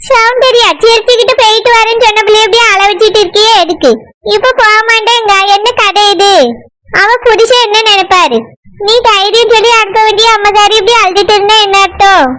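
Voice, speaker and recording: A woman's voice: extremely high pitch, fairly even intonation, brisk, fairly bright tone. A woman voicing a bossy elderly village grandmother in a cartoon, with a Kanyakumari Tamil accent and a scolding, coaxing manner. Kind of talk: cartoon voice acting.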